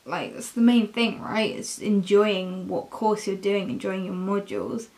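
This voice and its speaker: A young adult woman with an English accent, talking casually and candidly in a halting, confessional vlog style. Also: mid-range voice, steady tone, a little mellow. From England. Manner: slow, halting, candid, with frequent swearing. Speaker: university student vlogger.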